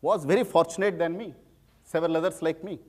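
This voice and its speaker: A man's voice: a little high, fast. A middle-aged man with a heavy Telugu Indian accent, giving an informal public talk and repeating words for emphasis. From rural village in India. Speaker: guest speaker, former civil servant turned social entrepreneur.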